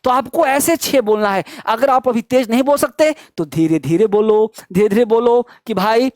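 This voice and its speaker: In this studio-quality clip without room sound, a man whose very high-pitched voice has a darkish tone teaches spoken English online with energy. He drills example sentences in rhythmic call-and-response, urges learners on, and slows to a deliberate syllable-by-syllable delivery when modelling sentences.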